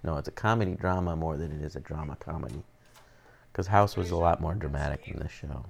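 A man's voice: rumbling low, quick pace, creaky, slight background noise. A man co-hosting a podcast, chatting casually in a rambling, self-correcting way. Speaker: podcast co-host. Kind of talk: casual chat.

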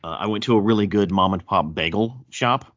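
Man, thick Southern accent, low voice, casual podcast host, stammering repeats, slightly dull recording. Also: brisk, fairly bright tone. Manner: stammering, repeats words as he goes. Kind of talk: casual chat. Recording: dull, roomy echo.

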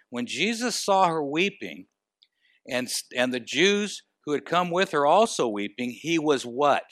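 Man, sermon, slow deliberate pace, bright clear tone, dry close sound. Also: on the high side, dry recording. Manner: asks the congregation rhetorical questions; swings between soft and emphatic delivery. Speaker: preacher.

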